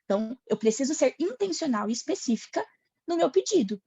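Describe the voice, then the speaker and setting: Woman, Brazilian Portuguese accent, teacher, lively chatty training talk, dry muffled call audio. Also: sits high, a little fast, dry recording. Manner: lively, chatty, often reads out her prompts.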